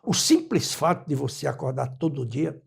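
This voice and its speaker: A man in his eighties from Brazil, speaking as an interview guest in a measured, reflective way and quoting scripture and proverbs. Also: fairly high pitch, expressive, vocal fry, breathy edge. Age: 80s. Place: his home.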